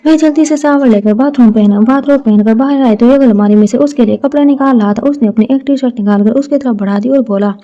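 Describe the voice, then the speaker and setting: Woman storyteller, romance narration. Very mellow, fairly high voice, gentle steady read. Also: fast talker, hardly any pauses. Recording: dull lo-fi recording.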